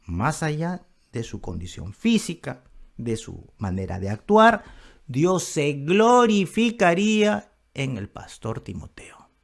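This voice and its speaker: A man's voice: big pitch swings, slow pace, creaky. A man preaching a Bible-study sermon as pastor, speaking emphatically and addressing listeners directly as beloved brothers. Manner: emphatic preaching, rising on scripture commands and dropping low on asides.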